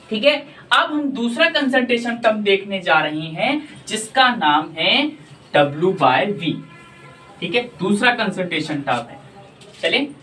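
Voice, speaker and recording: A woman's voice: on the high side, fairly bright tone, distant mic, slight background noise. A woman teaching a chemistry lecture, drawing out each word and often checking that students follow. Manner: slow and drawn out, stressing each word, asking checking questions. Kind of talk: classroom lecture.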